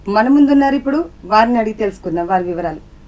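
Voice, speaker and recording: A woman's voice: mid-range voice, expressive, fast talker, a little mellow, low-quality recording. A woman hosting a TV interview, asking cheerful, encouraging questions. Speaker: host, anchor.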